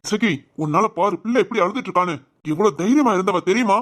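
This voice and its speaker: A man plays a firm but loving village father in an animated family drama, speaking with a Tirunelveli Tamil accent. His voice is high and he talks fast, yet his manner stays steady and reassuring.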